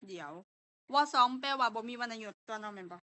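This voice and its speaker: A woman's voice: on the high side, fast talker, pushed and bright, dry recording. A young woman tutoring a language class online, explaining step by step, repeating key terms and correcting herself aloud.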